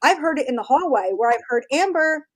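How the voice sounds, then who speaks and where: A woman in her forties tells stories as an interview guest in a somewhat high voice. She talks in a lively, laughing way and acts out other people's lines as she goes. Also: a little fast. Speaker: guest, tattoo artist and shop owner. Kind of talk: casual storytelling interview.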